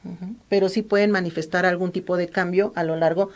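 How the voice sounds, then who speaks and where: A woman doctor with a Mexican accent, calmly explaining practical medical advice as an interview guest. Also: fairly low pitch, brisk. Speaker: ophthalmologist guest.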